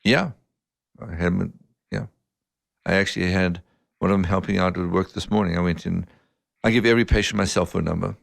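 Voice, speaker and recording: Gravelly-voiced man telling a story. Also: deep voice, brisk, long pauses, no echo, studio quality. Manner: relaxed anecdotal storyteller, self-mocking, laughs often. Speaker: guest, eye surgeon. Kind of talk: casual podcast interview storytelling.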